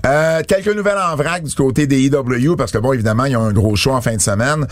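A man's voice: mid-range voice, quick pace, dry recording. Quebec guy chatting about wrestling, lots of euhs and restarts, dry close sound. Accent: Quebec French. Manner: hesitant, many fillers and restarts. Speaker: wrestling podcast co-host. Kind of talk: casual chat.

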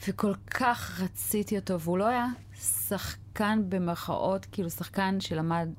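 A woman's voice: medium pitch, fairly even intonation. Israeli woman, emphatic conversational speaker. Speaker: casting director interviewed as guest. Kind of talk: conversational panel interview.

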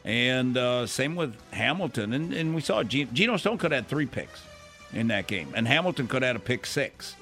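Male sports radio analyst, gravelly and forceful, talking football casually. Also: mid-range voice, animated, moderate pace, soft background music.

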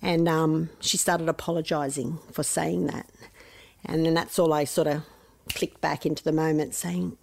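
A middle-aged Australian woman, a mother speaking about her missing teenage son in an interview, soft and halting, sometimes dropping to a near whisper. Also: sits low, fairly even intonation, vocal fry. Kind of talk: emotional interview testimony.

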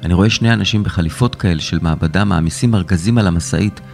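A man voicing a brisk, matter-of-fact young tech helper in a serialized children's story. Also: deep voice, vocal fry, darkish tone, faint music behind. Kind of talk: storybook character reading.

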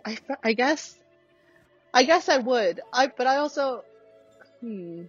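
A woman's voice: high-pitched, expressive, slow pace, breathy edge, no echo, dull audio, faint music behind. A woman with an American accent influenced by years in Britain, chatting casually and reflectively in thoughtful, hesitant phrases. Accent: American with British influence. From United States.

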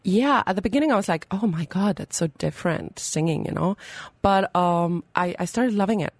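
A woman's voice: medium pitch, expressive, fairly quick, no room sound. A young adult woman with an Austrian German accent, an opera singer chatting in a radio studio interview, bubbly and full of fillers.

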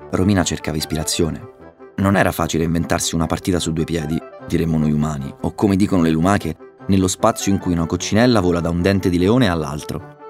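A man reading a children's story aloud, narrating with a lively delivery and excited voices for the dialogue. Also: low-pitched.

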